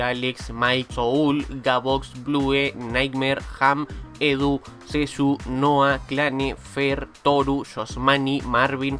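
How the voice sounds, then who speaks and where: A young man with an Argentine accent giving casual commentary over his gameplay and reading out viewer shout-outs. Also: mid-range voice. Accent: Argentine Spanish. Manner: chatty, reads out viewer names in a quick list. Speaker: gaming YouTuber.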